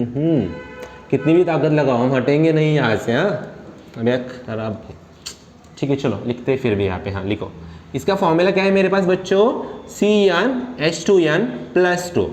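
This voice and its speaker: A man teaching a chemistry lesson, playful and quizzing his students with quick questions. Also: fairly high pitch. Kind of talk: classroom lecture. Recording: echoey room with faint noise.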